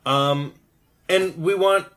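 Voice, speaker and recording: A man co-hosting a podcast, speaking haltingly with many ums and restarts. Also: high-pitched, a bit bright. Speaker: podcast co-host. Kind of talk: casual podcast chat.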